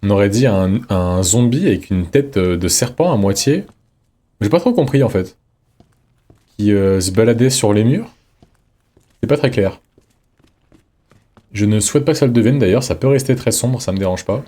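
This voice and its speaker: Male streamer, low mellow voice, chatty running commentary, reads notes aloud. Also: expressive, normal speed, pauses often. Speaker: streamer playing a horror game. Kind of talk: casual let's-play commentary.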